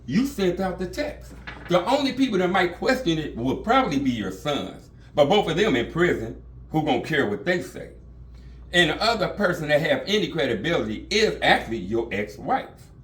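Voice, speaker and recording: A man's voice: a little high, very animated, normal speed, a bit bright, roomy sound, recorded from a distance. A man voicing a vengeful grown son who lays out his threats in a cold, matter-of-fact way. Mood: threatening.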